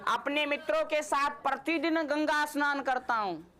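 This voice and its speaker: High bright woman teaching. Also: normal speed. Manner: chatty, teasing, quizzes students. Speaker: Sanskrit teacher. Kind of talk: classroom teaching. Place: classroom with students.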